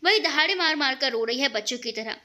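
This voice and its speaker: A woman's voice: sits high, expressive, fast, sharp tone. An exasperated scolding older brother, as a woman puts him on. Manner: exasperated, complaining.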